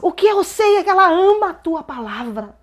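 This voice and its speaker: A woman reenacting a fervent church woman shouting a commanding prayer during a testimony. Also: very high-pitched, big pitch swings, normal speed, voice pushed up.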